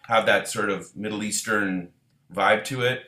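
Unhurried and low-voiced, an Israeli band leader chats casually and at length, recorded with a roomy sound. He wanders in his answers, using many fillers and starting sentences over.

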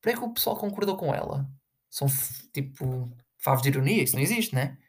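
A man's voice: medium pitch, animated, quick pace, husky. Brief: young man, European Portuguese accent, casual sarcastic rant, rambling delivery, fillers everywhere. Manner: sarcastic, with big jumps into mocking voices.

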